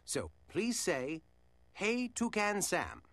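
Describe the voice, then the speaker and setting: High, animated cartoon toucan assistant. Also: male voice, slow, no room sound, full character voice. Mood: helpful, instructive. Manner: instructive, polite, scripted enthusiasm. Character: cheerful big beaked toucan mascot, male. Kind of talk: scripted cartoon software assistant prompts.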